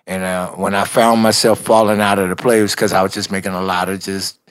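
A man's voice: sits low, quick pace. A man from Chicago, a music executive, telling stories in a casual interview, acting out conversations with slang and frequent laughter. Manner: animated, acts out dialogue, laughs often, slangy.

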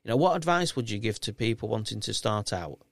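A man's voice: lowish voice, animated, fast talker, gravelly, no echo. A man with a thick Yorkshire accent hosting a casual podcast in a chatty, encouraging, matey way. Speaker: podcast host and quizmaster.

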